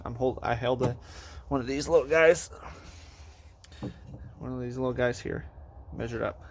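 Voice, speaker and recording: Speaking at normal speed with a medium-pitched voice and faint hiss or hum, a car audio hobbyist vlogger walks through his build in a car parked in a garage. He's casual and rambling, out of breath, catching his own mistakes and leaning on fillers.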